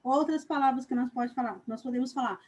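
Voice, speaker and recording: A primary school teacher with a Brazilian Portuguese accent leads a live online lesson for young children. Her voice is high, and she talks slowly and deliberately, stretching her words and checking in often with "ok?". The recording is very noisy.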